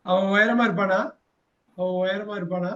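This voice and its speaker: A man runs an English class, repeating each prompt and gently fixing mistakes. His voice sits notably high for a man. The recording is dull and lo-fi. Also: steady tone, moderate pace. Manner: gives prompts again and again, corrects answers patiently. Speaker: English teacher. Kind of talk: bilingual class drilling.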